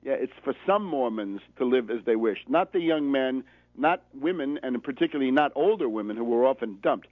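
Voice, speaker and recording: An American man delivers political radio commentary like a lecture, didactic and emphatic, driving his points home with insistent repetition and often checking in with "right?". His mid-range voice has lively intonation and a slightly fast pace, without echo, over narrow, phone-like radio audio.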